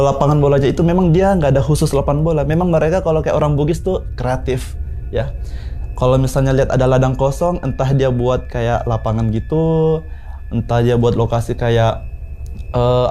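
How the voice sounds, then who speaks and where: A man in his twenties from South Sulawesi, telling a horror story in a relaxed, unhurried way with many pauses. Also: mid-range voice, a little hiss or hum. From South Sulawesi, Indonesia. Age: 20s. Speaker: guest storyteller.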